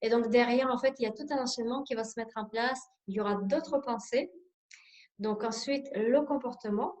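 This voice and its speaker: A Russian-accented woman in her forties runs an introductory relaxation workshop, her voice sitting slightly high. She explains step by step, often hesitating with fillers as she searches for her words. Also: normal speed, darkish tone. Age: 40s. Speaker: sophrology instructor.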